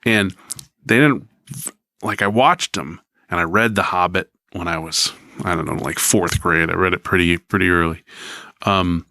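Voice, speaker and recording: A man's voice: deep voice, normal speed, bright, forceful tone, no room sound. A man in his fifties co-hosting a podcast in casual chat, rambling and hesitant with frequent ums. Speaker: podcast co-host.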